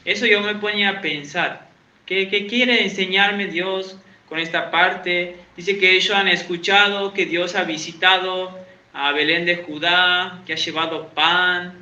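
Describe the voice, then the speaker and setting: A man's voice: sits high, fairly even intonation, unhurried, pushed and bright. A man, an evangelical pastor preaching a chatty sermon in a church, quizzing his congregation and joking about himself. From Santiago, Argentina. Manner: chatty, quizzes the congregation, self-mocking humor. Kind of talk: conversational sermon. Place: church in Uruguay. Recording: echoey church, dull lo-fi sound.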